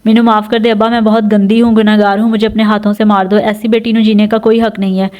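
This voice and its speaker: Brief: grieving young village wife, plain and flat, a woman reads her. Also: medium pitch, highs cut off, close to an everyday voice. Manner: pleading, accusing.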